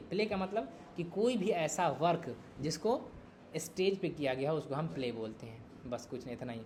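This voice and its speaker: Teacher lecturing with faint hiss. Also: male voice, a little high, darkish tone. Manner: explains by repeating and asking the class questions. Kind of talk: exam-prep lecture.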